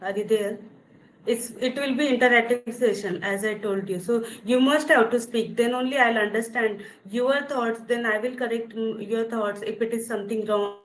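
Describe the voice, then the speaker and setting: A woman teaches over a video call, her voice sitting a little high. She keeps inviting her listeners to speak up and checks that they can follow. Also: steady tone, moderate pace, low-quality recording. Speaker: guest speaker, software trainer. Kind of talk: interactive online lecture.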